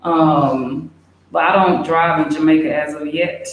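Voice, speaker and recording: A young woman chatting casually, reading out and answering viewer questions in a relaxed way with many fillers. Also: low voice, measured pace, highs cut off. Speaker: expat vlogger. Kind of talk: casual livestream Q&A. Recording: very echoey room, faint hiss.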